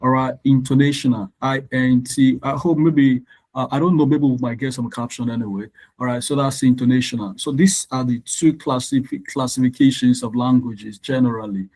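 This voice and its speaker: The audio is poor, but you can hear a man's steady, mid-range, darkish voice moving at a normal speed. He's a tutor from Nigeria whose mother tongue is Yoruba, running an online exam-prep lesson where he explains patiently, spells words letter by letter, and repeatedly asks learners "all right."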